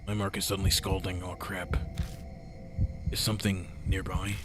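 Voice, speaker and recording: A man's voice: low-pitched, level tone, normal speed, very noisy. A man hosting a gaming video, reading visual novel narration aloud with casual asides.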